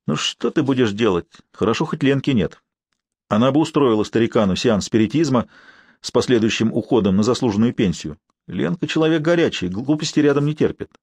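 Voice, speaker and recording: A man's voice: medium pitch, a little mellow, dry recording, voice pushed up. A male narrator voicing an irritated, skeptical boss who talks sarcastically. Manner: exasperated, sarcastic. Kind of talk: audiobook character voice.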